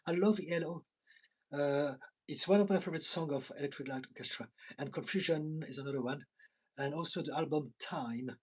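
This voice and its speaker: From his London home, a tired French therapist with a French accent hosts a laid-back live stream, reading viewer comments and laughing a lot. His voice sits a little high, moves a little fast and has a slight roughness. He's talkative, with gentle asides.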